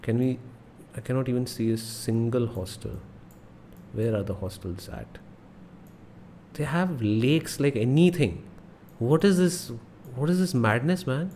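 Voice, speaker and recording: Noticeable noise runs behind a young man with an Indian accent as he streams a geography guessing game. He thinks aloud casually with frequent exclamations, his mid-range voice animated, unhurried and dark in tone.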